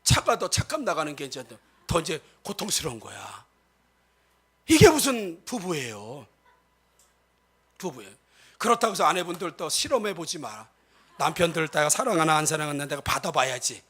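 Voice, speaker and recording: A male pastor giving a lively sermon, acting out quoted speech and often addressing the congregation directly. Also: a little high, a little fast, slightly rough. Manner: animated, acts out quoted speech.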